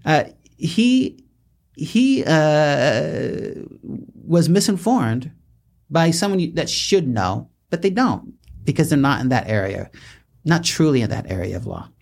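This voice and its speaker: A man who is an attorney hosting a podcast, explaining legal pitfalls in casual chat, lively and quick to chuckle. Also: a little high, creaky.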